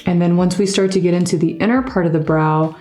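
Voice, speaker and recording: A woman makeup artist narrating a tutorial in a calm, instructive way, with playful teasing. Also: on the low side, fast talker, faint music behind.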